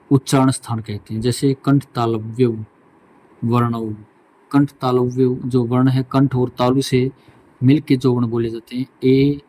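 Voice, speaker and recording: A man's voice: mid-range voice, a little mellow, low-quality recording. A male teacher giving a pronunciation lesson, saying each sound aloud to demonstrate it.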